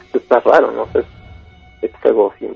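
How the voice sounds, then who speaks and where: A man calls into a radio show, recounting his experience hesitantly and with plenty of thought. His voice is gravelly and husky. He comes through a tinny phone line with faint music behind. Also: medium pitch, fairly even intonation, brisk. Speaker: caller, engineer.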